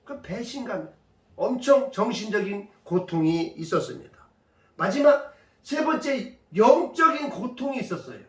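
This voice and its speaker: A male pastor preaching emphatically, firing rhetorical questions at his congregation. His voice is very high and swings widely, and it rings through a roomy church from a distance. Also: very animated, normal speed, a bit bright. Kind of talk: sermon. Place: church sanctuary.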